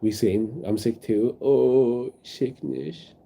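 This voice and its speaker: A man's voice: mid-range voice, fairly even intonation, slow, gravelly, background noise. A sick, sniffling man streaming from his phone, rambling in casual chat with his viewers and reading their messages aloud. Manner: rambling, reads chat aloud, many fillers.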